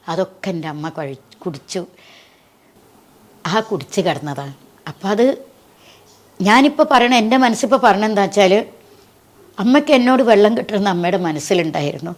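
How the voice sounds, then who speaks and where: A woman being interviewed, telling a personal story in an earnest, tender way that sinks soft at the saddest points. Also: on the low side. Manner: earnest and tender, voice sinking soft at sad moments.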